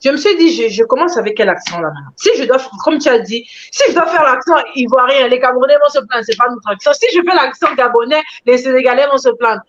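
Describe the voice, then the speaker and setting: Expressive woman on a dull lo-fi recording. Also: high voice, quick pace, hardly any pauses. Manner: expressive, animated storytelling. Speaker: animation creator being interviewed. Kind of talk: conversational interview answers. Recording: dull lo-fi sound.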